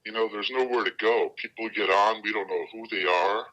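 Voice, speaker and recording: A man's voice: fairly low pitch, fairly even intonation, a little fast, pushed and bright. A man interviewed anonymously as a bus driver, his voice altered to hide who he is, speaking plainly with some hesitation. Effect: voice altered to hide identity. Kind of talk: news interview. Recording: muffled lo-fi altered audio.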